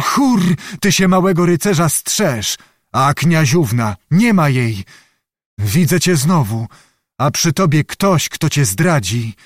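A man's voice: a little high, dry recording, studio quality. A man voicing a fierce young Cossack witch, wild and coarse, in a raised chanting voice for an audiobook. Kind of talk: audiobook reading.

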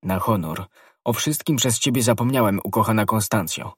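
A man's voice: on the low side, normal speed, breathy edge, no echo, clean studio sound. A man doing an ardent young guardsman. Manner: ardent, impulsive. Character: bold, hot-headed young male guardsman.

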